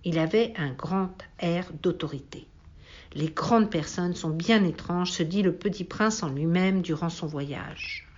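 A woman reading a storybook aloud in a calm, measured way. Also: on the low side, dull audio, a little hiss or hum. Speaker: reader.

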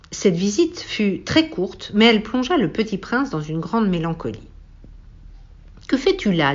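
A woman reading a storybook aloud in a calm, measured way. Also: on the low side, muffled recording. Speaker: reader.

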